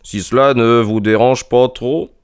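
A man's voice: medium pitch, steady tone, a little slow, clear, resonant tone, voice pushed up, lightly acted. A man doing a cool, clipped detective in a read-aloud mystery, commanding and precise. His voice is raised a little above his own and set slightly back from the microphone. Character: sharp, commanding male detective, middle-aged.

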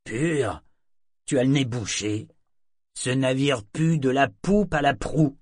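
A man reading an audiobook voices a weary ship's mate who answers curtly and gruffly. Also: medium pitch, takes it slowly, no echo, clean studio sound. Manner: gruff, curt.

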